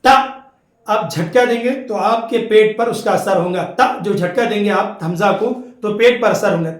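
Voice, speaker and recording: A man teaching a tajweed lesson. He repeats each rule and chants the example syllables slowly. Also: sits high, reverberant. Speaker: Quran recitation teacher. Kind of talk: tajweed lesson with slow drawn-out recitation examples.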